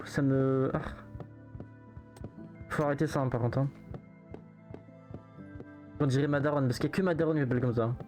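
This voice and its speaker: A man streaming live, chatting casually and protesting in fast, repetitive banter. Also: medium pitch, a little mellow.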